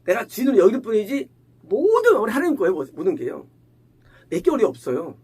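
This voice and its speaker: A man's voice: high voice, huge pitch swings, a little fast, darkish tone, breathy edge. A male pastor preaching a sermon in a conversational way, asking the congregation questions and acting out quoted lines. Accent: Korean. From Korea.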